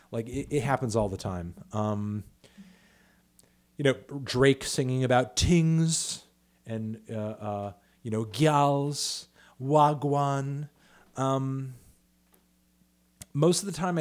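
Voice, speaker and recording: A man in his thirties, a music critic, hosts a casual livestream Q&A and answers viewer questions. He talks loosely, full of fillers, restarts and swearing, in a mid-range, slightly mellow voice.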